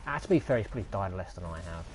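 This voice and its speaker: A man's voice: deep voice, animated, racing, darkish tone, a little hiss or hum, low-quality recording. A man chatting sarcastically and swearing while streaming a game. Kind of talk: casual gaming chat.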